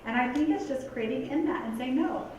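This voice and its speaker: Speaking a little fast to a live audience, this motivational speaker is earnest and direct, leaning heavily on "like" and "you guys." Her fairly high, darkish voice echoes through a big hall, recorded from afar with a faint hum underneath.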